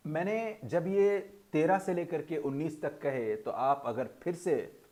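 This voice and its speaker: A man teaching English pronunciation in a video lesson, explaining in a formal tone with Urdu-flavoured words and slowly drawing out each example word. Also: fairly high pitch, dark tone. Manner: slow, drawn-out model pronunciations between explanations.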